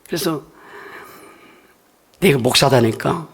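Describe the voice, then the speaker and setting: Gravelly, husky older male pastor preaching. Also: mid-range voice, slow. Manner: storytelling preacher, conversational and emphatic. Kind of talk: sermon. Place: church.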